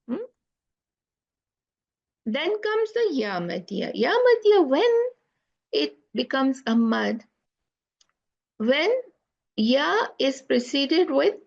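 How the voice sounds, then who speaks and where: Brief: female tajweed teacher, higher voice with gravelly fry, dull lo-fi recording. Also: a little mellow. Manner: slow, repeats sounds to demonstrate pronunciation. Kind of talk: online lesson.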